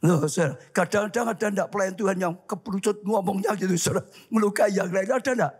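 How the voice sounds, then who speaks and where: A male pastor preaching a lively sermon, often calling out to the congregation. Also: high voice, fast talker, breathy edge. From Indonesia. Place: church hall.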